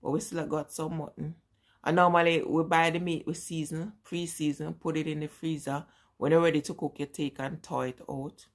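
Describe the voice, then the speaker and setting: This vlogger, a woman in her forties from Jamaica, speaks to live-stream viewers with a Jamaican accent, casually but emphatically, saying her points again and again. Her voice sits low with little pitch movement, at a moderate pace.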